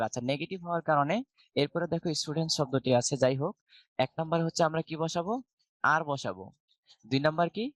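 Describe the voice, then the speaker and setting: A man's voice: on the high side, no echo. Bangladeshi man teaching an online English class. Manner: explains step by step, asks the class questions and answers them himself.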